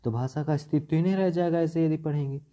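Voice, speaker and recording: A man's voice: fairly high pitch, dark tone. A man teaching a grammar lesson, spelling words out syllable by syllable and checking in with "okay" after almost every point. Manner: slow, repeats syllables and checks "ठीक" often. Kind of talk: Hindi grammar lesson at a board. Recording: dull lo-fi sound.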